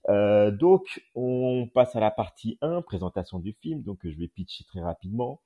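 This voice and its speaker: A man's voice: on the low side, animated, moderate pace, warm tone, slightly rough, dull audio. A man hosting a casual live podcast room as a journalist, talking with lots of hesitant filler sounds over a phone mic on an audio app. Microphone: phone on an audio chat app.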